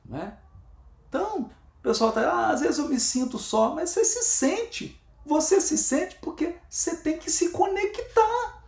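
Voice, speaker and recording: A man's voice: very high-pitched, lively intonation, measured pace, creaky, a little mellow, roomy sound. A man leading a spiritist book study, emphatic and repetitive, asking his listeners questions. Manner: emphatic, repeats himself, asks the audience questions.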